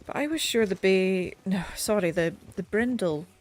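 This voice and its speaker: A woman streams a game at a moderate pace, her medium-pitched voice a touch nasal as she chats casually and teases herself. The desk mic is a little distant, and there's slight hiss or hum.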